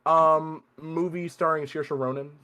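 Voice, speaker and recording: A man hosting a podcast, chatting casually about a movie, animated, swearing freely and laughing often. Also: on the high side, unhurried. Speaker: podcast host. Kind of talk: casual movie review chat.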